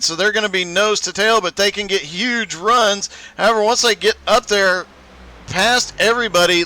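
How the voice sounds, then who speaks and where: A man's voice: sits high, bright, forceful tone. A man calling a live sim racing event play-by-play, upbeat and laughing often as he goes. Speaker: race commentator.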